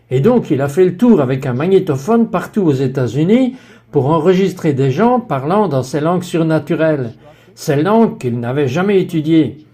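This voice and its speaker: A male talk show host in a French dubbed voice-over. He speaks in an earnest, measured way. His voice is fairly high, with a warm, mellow tone.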